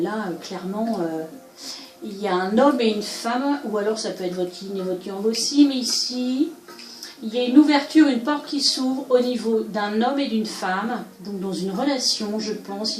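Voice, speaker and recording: A woman doing a solo oracle card reading, musing aloud and pausing often with hesitations as she interprets each card. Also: mid-range voice, darkish tone, echoey room, rough recording. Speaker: card reader. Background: faint background music.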